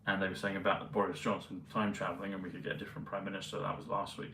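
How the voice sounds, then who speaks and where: A man vlogging in a meandering, hesitant casual monologue full of pauses and fillers. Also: low voice, flat delivery, bright, forceful tone, slight background noise. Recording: roomy, mic at a distance, faint ambience.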